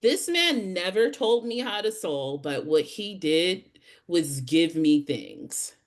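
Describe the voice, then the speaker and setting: A woman sales rep telling stories with lively expression on a webinar panel over a video call. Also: on the low side, takes it slowly.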